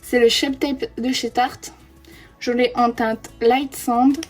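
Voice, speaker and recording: A woman's voice: fairly high pitch, flat delivery, takes it slowly, faint music behind. A young woman in her twenties chatting casually through a makeup tutorial as she does a friend's face, saying "hop" as she applies each product. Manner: chatty, says "hop" while applying makeup. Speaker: beauty vlogger. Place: indoors doing makeup on a friend.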